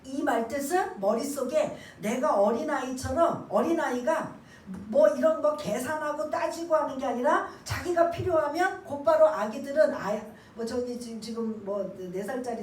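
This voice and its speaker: A high-pitched woman preaching a sermon, picked up from some way off the mic. The church room rings with echo, and faint ambience sits underneath. She asks the congregation questions, then goes hushed to act out a prayer. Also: lively intonation, moderate pace, recorded from a distance. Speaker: pastor. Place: church sanctuary.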